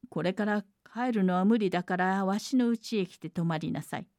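A woman voicing a greedy male forest monster who speaks in a lowered, gruff voice and puts on false kindness. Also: expressive, moderate pace, mellow, no room sound, clean studio sound. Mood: falsely kind.

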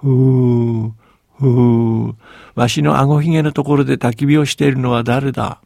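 Brief: man voicing a vast old male giant from the far north, loud, slow, breathy huffs, gravelly fry. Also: medium pitch, level tone, dry recording, clean studio sound. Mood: booming. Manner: drawn-out blowing breaths, loud commanding voice.

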